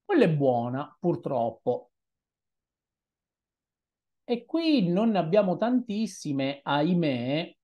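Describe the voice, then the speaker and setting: A young chess streamer narrates his own game while playing, musing aloud unhurriedly with hesitant asides. His voice is fairly high, sing-song, and mellow, captured on a webcam at a desk in a small room.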